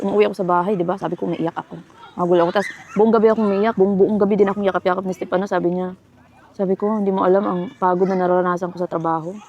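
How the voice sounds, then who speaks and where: A woman's voice: medium pitch, a little mellow. A young woman from the Philippines chatting casually to her viewers from home in a life-update vlog, rambling with fillers and self-corrections. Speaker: vlogger.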